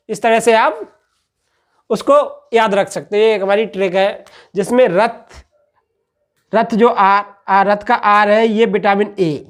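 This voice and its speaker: Male lecturer, patient and repetitive, asks questions then answers them. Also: high-pitched. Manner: repeats "ठीक है" after each point. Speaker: teacher. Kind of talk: classroom-style lecture.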